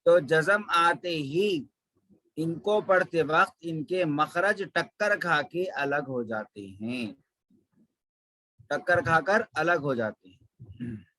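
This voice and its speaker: A man's voice: fairly high pitch, lively intonation, takes it slowly, long pauses, pushed and bright, dry recording, rough recording. A man teaching Quran recitation, patiently repeating syllables to show each sound. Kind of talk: slow tajweed lesson with drilled examples.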